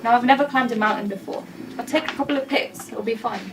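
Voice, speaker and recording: Lively young woman telling a story from afar. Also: on the high side, quick pace. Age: young adult. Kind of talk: reading a personal story. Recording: distant mic with noise.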